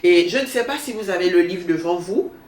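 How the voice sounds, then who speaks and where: A woman's voice: lowish voice, expressive, darkish tone. Woman with a thin, reedy, nasal voice, roomy sound. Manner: halting, repeats phrases for emphasis. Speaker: host of a book show. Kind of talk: unscripted book discussion. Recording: roomy echo, distant mic, faint noise.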